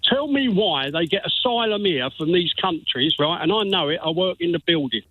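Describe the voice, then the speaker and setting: Radio caller: a sixties London man on a phone line, husky and dry, blunt and repetitive. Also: high voice, expressive, normal speed, dry recording. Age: 60s. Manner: blunt, insistent, repeats himself. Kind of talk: heated phone-in argument.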